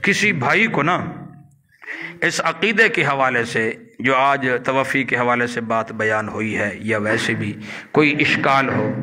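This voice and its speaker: A male preacher delivers a religious lesson in a bright, forward voice. He teaches step by step, posing questions to the listeners and supplying the answers. He drawls Arabic grammar patterns out slowly, one at a time. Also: mid-range voice. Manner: didactic, asks the audience questions and answers them himself. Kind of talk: Urdu religious lecture explaining Arabic grammar.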